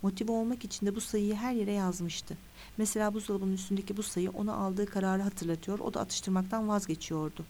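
A woman's voice: medium pitch, steady tone, a little fast, darkish tone, slight background noise, natural voice. A woman reading the lines of a pushy, insistent female investigator in an audiobook. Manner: insistent, lecturing.

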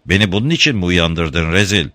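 A man's voice: low voice, animated, a little fast, sharp tone, dry recording. A man voicing a grumpy, curt city man woken from sleep in a read-aloud story. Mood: surly.

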